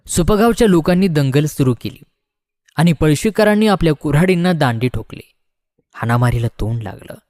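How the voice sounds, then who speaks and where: A man reading a story aloud with dramatic, expressive narration. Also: on the high side, dry recording, studio quality.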